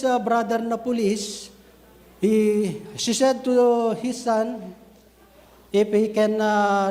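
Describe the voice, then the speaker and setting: A man preaching a sermon to a church group, talking to the brethren and acting out scenes in an animated way. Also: high voice, big-room sound. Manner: switches between Filipino and English, addresses listeners as brethren; animated, acts out scenes with raised voice. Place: church cell group gathering.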